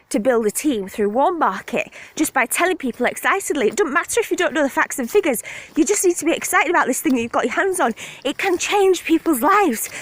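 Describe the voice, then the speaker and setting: An excited, out-of-breath woman gives a gushing motivational pep talk to her phone camera while walking her dog outdoors. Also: high voice. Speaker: network marketing team leader.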